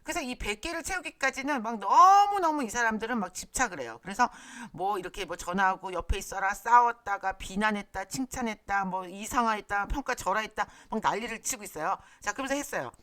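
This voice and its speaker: A woman lecturing in a lively, animated way, her pitch swinging up and down as she explains. She acts out short quoted exchanges along the way. The recording is dry and close. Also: fairly quick, hardly any pauses, no room sound. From Korea. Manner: lively, starts sentences with "자", acts out quoted lines.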